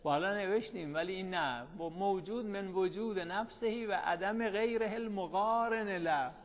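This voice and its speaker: Lecturing man in a reverberant hall. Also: high-pitched. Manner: keeps asking students rhetorical questions and answering them; reads out a line of the text, then explains it in colloquial speech. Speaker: teacher. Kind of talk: classroom lecture.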